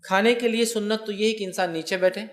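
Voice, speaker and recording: A man's voice: high voice, fairly even intonation. Man explaining religious questions. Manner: explanatory, often checks that listeners follow. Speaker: Islamic scholar answering viewer questions. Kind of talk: religious question-and-answer lecture.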